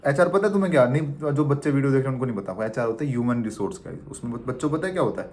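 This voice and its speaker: A man's voice: mid-range voice, very fast. A young man in his twenties, a travel vlogger from India, talking casually and animatedly to the camera. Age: 20s. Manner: animated, chatty, teasing the viewer as "bhai".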